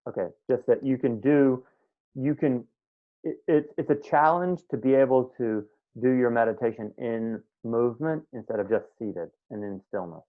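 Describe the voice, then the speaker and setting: Over a video call with a tinny, phone-like sound, a man leads a live online meditation class. His medium-pitched voice moves at a moderate pace, and he keeps things casual and conversational, often checking that students are following.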